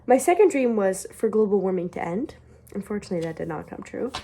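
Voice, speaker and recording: A woman's voice: mid-range voice, expressive, fast talker, warm tone. Amused, embarrassed young woman reading her diary. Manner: amused, self-mocking embarrassment. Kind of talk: casual reading aloud from own childhood diary with commentary.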